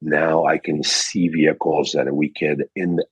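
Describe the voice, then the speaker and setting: A Peruvian man in his sixties, a car dealership director, speaks with a Peruvian Spanish accent as an interview guest, casually telling anecdotes and animatedly acting out quoted lines. His voice is extremely low with little pitch movement, a little slow, and edged with breathiness. The room sounds dull and echoey.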